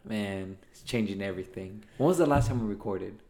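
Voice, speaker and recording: A man's voice: on the low side, brisk, dark tone. A young man co-hosting a podcast in casual chat, upbeat and teasing, laughing often. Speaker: podcast co-host.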